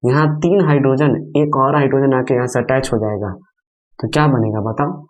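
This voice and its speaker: A man's voice: mid-range voice, steady tone, a little fast, muffled recording, faint music behind. A male chemistry teacher at a whiteboard who asks his students questions and answers them himself, counting atoms aloud one by one. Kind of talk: whiteboard lesson. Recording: echoey room, distant mic.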